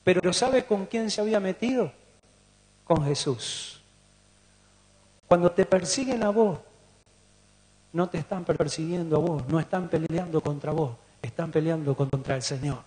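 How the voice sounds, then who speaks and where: Man, Rioplatense accent, pastor, sermon, high voice, reverberant church hall. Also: measured pace, long pauses, a little mellow. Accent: Rioplatense Spanish. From Argentina. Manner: preaching with rhetorical questions to the congregation.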